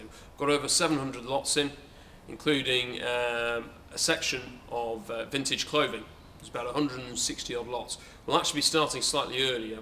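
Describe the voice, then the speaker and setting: Walking around a large indoor auction saleroom, a young man from England previews his upcoming sale on a camera mic, chatting casually while hesitating and using lots of fillers. His mid-range voice sounds pushed and bright, and there's a little hiss or hum.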